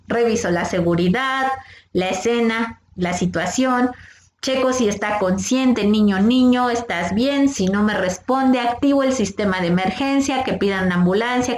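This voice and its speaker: A woman's voice: fairly high pitch, reverberant. A woman, a first aid instructor patiently teaching a class of young scouts step by step and asking them questions. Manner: patient, explains step by step, asks the kids questions.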